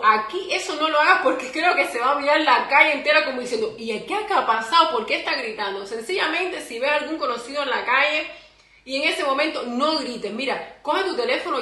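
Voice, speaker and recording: A woman's voice: high-pitched, roomy sound. A young Cuban woman with a Cuban Spanish accent giving chatty advice in a vlog, acting out little scenes as she goes. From Cuba. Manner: chatty, animated, acts out little quoted scenes. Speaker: vlogger.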